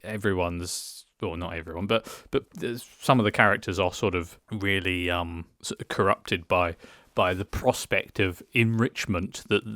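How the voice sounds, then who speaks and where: A tipsy man with a fairly low voice, recorded dry and close to the ear. He talks through a film review in a rambling, halting way, tripping over words and trailing off as the drink shows in his speech. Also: bright, forceful tone, no room sound. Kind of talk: casual solo film review, rambling opinion.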